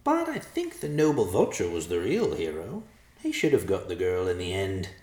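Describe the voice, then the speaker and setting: A man's voice: deep voice, wildly swooping pitch, normal speed, a little mellow, reverberant. A man voicing a sly, mocking male talking vulture in a storybook reading, teasing and boastful. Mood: smug.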